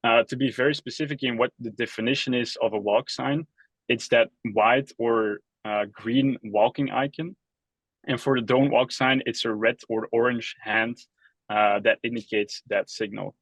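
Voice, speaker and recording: A man's voice: mid-range voice, steady tone, normal speed, a bit bright, dry recording, low-quality recording. A young man from Belgium presents his company in a webinar, talking casually with plenty of fillers and restarts. His voice sits mid-range, and the recording is dry with no room sound. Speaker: app company co-founder.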